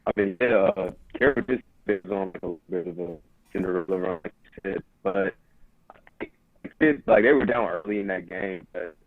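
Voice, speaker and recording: Low raspy guy breaking down games casually, tinny staticky call audio. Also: normal speed, no echo. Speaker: co-host and analyst on a sports show. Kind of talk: casual game analysis. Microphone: remote call over internet link. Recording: tinny, staticky, laggy remote connection.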